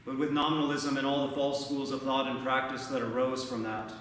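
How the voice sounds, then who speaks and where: A man in his thirties, a priest giving a measured, earnest sermon at a lectern, recorded from far off in a large church. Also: medium pitch, level tone, a bit bright, heavy reverb, big-room sound, a little hiss or hum. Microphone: far camera, no mic seen.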